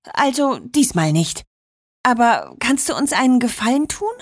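A woman voicing a curious young girl who talks excitedly, sometimes half-whispering. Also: fairly high pitch, a little slow, no room sound, studio quality, pitched above the performer's own voice, heavily acted. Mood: sheepish.

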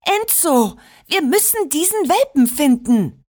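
A woman's voice: high voice, measured pace, no room sound, studio quality, pitched above the performer's own voice. A woman voicing an eager young female Christmas elf in a storybook, speaking urgently. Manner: urgent, excited. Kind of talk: storybook reading.

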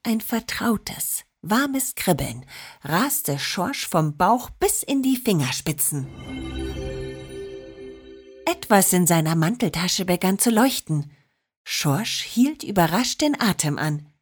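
A woman in scripted narration of a children's story, expressive and playful. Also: medium pitch, slightly rough.

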